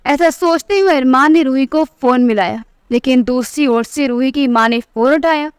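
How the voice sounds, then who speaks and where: A woman storyteller reads a family drama in a steady, expressive voice. Her pitch is high and her tone is smooth and resonant. The recording is close and completely dry. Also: moderate pace, no echo. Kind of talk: scripted narration.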